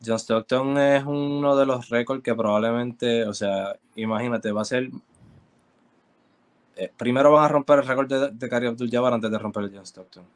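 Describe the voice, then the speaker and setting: A man co-hosting a casual sports debate, asking probing questions and cutting in with quick remarks. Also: mid-range voice, steady tone. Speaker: podcast co-host.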